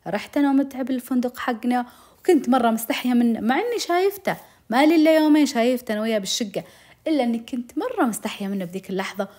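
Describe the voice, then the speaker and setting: A woman's voice: fairly high pitch, expressive, racing, darkish tone. A young woman tells a dramatic personal story to her viewers, emotional and full of oaths and direct appeals.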